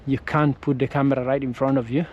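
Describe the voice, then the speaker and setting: A medium-pitched man talks at a quick pace with flat delivery, the muffled recording carrying a faint hiss or hum. Vlogging casually while walking outdoors, this Italian-accented non-native English speaker is hesitant and frequently restarts and corrects himself. He uses an action camera with a windscreen.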